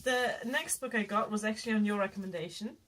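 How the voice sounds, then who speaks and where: Dry-humoured woman, bright tone. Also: medium pitch, fast talker, low-quality recording. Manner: dry, self-deprecating, laughs often. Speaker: channel host. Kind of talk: casual book haul chat.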